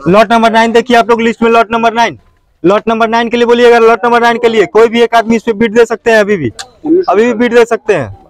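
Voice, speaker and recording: A man's voice: very high voice, fairly even intonation, fast talker. A man running an outdoor motorbike auction, calling bids over and over. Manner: repetitive bid calling, chanting prices. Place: outdoor lot full of parked motorbikes.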